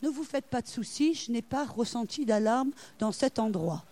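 A woman preaching a sermon, telling stories and acting out the voices of the people in them, now and then crying out loudly. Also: fairly high pitch, normal speed. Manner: animated, acts out voices, cries out loud. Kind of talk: sermon with storytelling.

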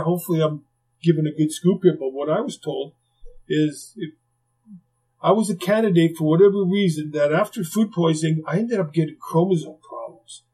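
An older man, a retired hockey player, tells stories in an interview in a lively, conversational way, with frequent asides and acted-out quotes. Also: a little high, breathy edge, low-quality recording. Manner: lively, conversational, heavy on "you know" asides, acts out quotes. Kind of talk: anecdotal interview storytelling.

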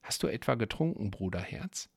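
A man's voice: on the low side, sing-song, fairly quick, gravelly, no echo, studio quality, full character voice. A man doing Chiron, a dutiful young prince. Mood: scolding. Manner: earnest, gently scolding. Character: dutiful young male twin prince, earnest.

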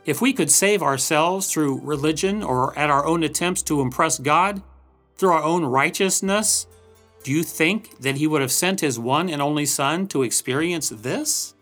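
A man's voice: fairly high pitch, a little slow, fairly bright tone, faint music behind. A man giving a scripted Bible commentary, telling the story earnestly with dramatic emphasis. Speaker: Bible teacher. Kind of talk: scripted devotional narration.

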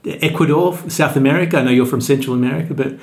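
This Australian man, a pastor guesting on a podcast, speaks fast at a medium pitch. His manner in the casual interview is relaxed and friendly, with frequent restarts.

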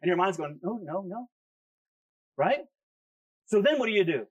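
A man's voice: high-pitched, expressive, moderate pace, highs cut off. A man preaching a sermon as pastor, emphatic and repeating key phrases for effect. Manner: emphatic, repeats key phrases, talks back to his own flesh.

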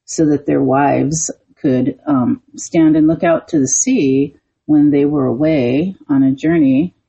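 Raspy low woman podcast co-host. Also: slow pace, warm tone. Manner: chatty, explains lore, backchannels a lot. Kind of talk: casual storytelling chat. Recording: muffled lo-fi podcast audio.

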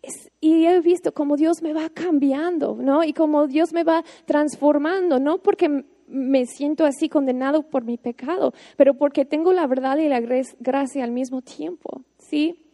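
A woman gives a relaxed spoken devotional in a high yet soft, mellow voice. She talks like she is chatting with friends and keeps adding fillers and little tag questions. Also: moderate pace. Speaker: devotional speaker.

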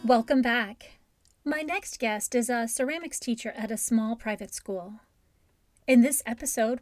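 A woman's voice: on the high side, dry recording. A woman hosting a podcast for teachers and interviewing a guest in a conversational way. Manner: warm conversational questioning with fillers. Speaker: podcast host.

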